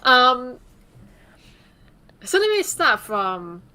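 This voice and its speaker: Her voice is high, bright, and forceful, swinging widely in pitch, and she speaks extremely slowly. She is a Singaporean consultant and advocate guesting on a live panel, earnest and full of "like" and "um" fillers.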